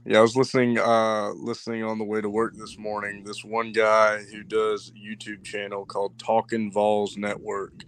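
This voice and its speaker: A man co-hosts a sports podcast, dropping in casual, conversational remarks. His voice is smooth and clear. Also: lowish voice, completely flat delivery, moderate pace, few pauses. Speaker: podcast co-host.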